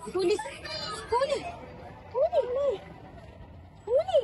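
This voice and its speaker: A woman's voice: very high-pitched, steady tone, moderate pace, a crowd in the background. A girl playing a frantic young woman. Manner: pleading, cries out. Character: desperate young woman, frightened, grieving. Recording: clear background noise.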